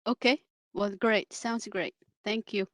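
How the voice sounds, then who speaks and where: A woman's voice: mid-range voice, fairly even intonation, slow pace, no room sound, clean studio sound. A woman chairing a committee meeting on a conference call in a semi-formal way.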